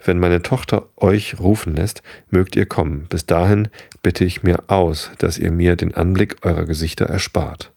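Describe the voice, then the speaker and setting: A man reading the part of a gruff, wrathful old settler farmer who speaks sternly and threateningly. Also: low-pitched, fairly even intonation, moderate pace, few pauses, a little mellow, no room sound, studio quality. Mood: angry.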